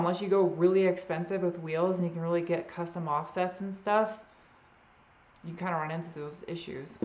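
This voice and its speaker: A woman with a lowish voice and a trace of a Boston accent hosts a live Q&A in an echoey room. She chats casually while answering viewer questions, rambling, unsure, and often trailing off.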